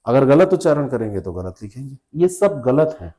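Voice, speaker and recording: A man's voice: mid-range voice, sing-song, moderate pace, dark tone. A man teaching Hindi spelling in an exam coaching lecture, explaining step by step, asking rhetorical questions and often checking with "है ना".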